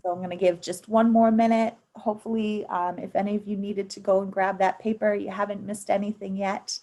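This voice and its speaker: A woman's voice: mid-range voice, level tone, brisk, mellow, slight background noise. An encouraging woman in her thirties walks young people through an online workshop. Her talk is upbeat and loose, dotted with ums, and it comes through a computer mic on a video call. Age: 30s. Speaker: financial literacy presenter.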